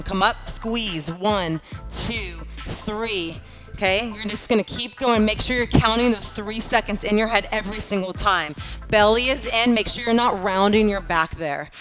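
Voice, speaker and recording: A fitness instructor leads a home workout class like an aerobics coach, cueing moves and counting. Her voice is on the high side and fairly bright, and her manner is casual, encouraging, and urging.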